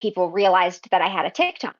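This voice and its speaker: A woman guest on a podcast, talking casually about her writing in an unhurried, thoughtful way with frequent ums. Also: on the low side, animated, a crowd in the background. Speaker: guest fanfiction writer. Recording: slightly dull lo-fi audio.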